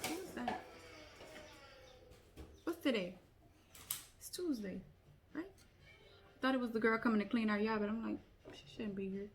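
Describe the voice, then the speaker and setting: A young woman chatting excitedly while making a crafting tutorial, calling viewers y'all. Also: a little high, normal speed, pauses often. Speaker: crafting vlogger. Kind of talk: casual crafting tutorial chat.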